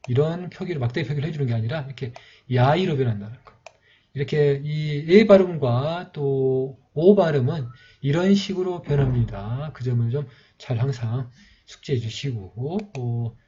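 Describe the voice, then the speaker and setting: A man gives a patient handwriting lesson, talking slowly through each stroke and repeating his phrases. His voice is dark and husky. The recording is dull and lo-fi, with clicking behind him. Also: medium pitch. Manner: patient, repeats "이렇게 이제" often. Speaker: teacher of Siddham script.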